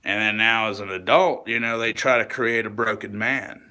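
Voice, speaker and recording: In a lengthy, meandering piece to camera, this man's voice is low, forceful and tense, holding a steady tone at a moderate pace. Earnest and confessional, he stumbles, restarts his sentences, and swears casually along the way.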